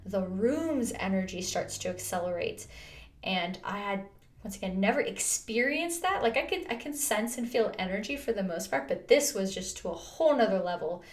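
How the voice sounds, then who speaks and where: A woman's voice: medium pitch, animated, normal speed. Earnest chatty woman in a roomy echo. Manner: earnest, chatty, full of "like" and restarts. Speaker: vlogger. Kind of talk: personal storytelling.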